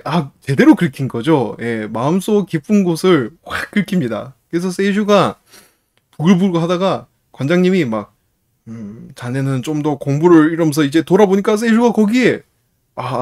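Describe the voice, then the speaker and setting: Brief: male manga reviewer, casual storyteller, lively pitch swings, chuckles often. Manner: animated, chuckling retelling.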